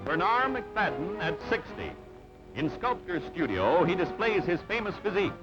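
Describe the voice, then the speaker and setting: A high-pitched male narrator with big pitch swings delivers scripted newsreel lines at a normal pace, clipped, dramatic and telegraphic. The old recording sounds dull, with music playing behind him.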